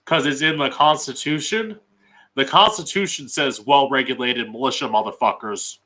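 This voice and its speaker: A man's voice: medium pitch, normal speed, bright, forceful tone. An American man hosting as a drag queen, giving blunt, emphatic opinionated commentary with frequent swearing. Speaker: drag queen podcast host.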